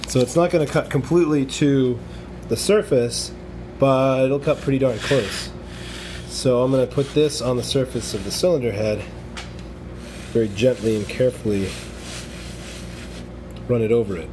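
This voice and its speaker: A man's voice: mid-range voice, moderate pace, pauses often. Chatty man explaining in a noisy workshop. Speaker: DIY video host. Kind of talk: casual workshop how-to narration. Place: home garage workshop.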